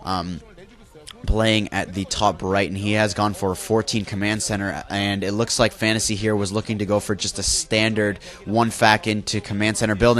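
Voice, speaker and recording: Congested and nasal from a flu, coughing at times, a young man calls a video game match solo as an esports caster. His slightly low, somewhat bright voice stacks fillers and corrects itself mid-sentence as he follows the action.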